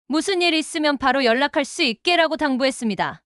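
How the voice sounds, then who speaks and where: A woman narrating a dramatic family story in a steady scripted storytelling voice, reading every part herself. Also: high voice, fast talker, no room sound, studio quality. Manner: reads all parts in one steady voice.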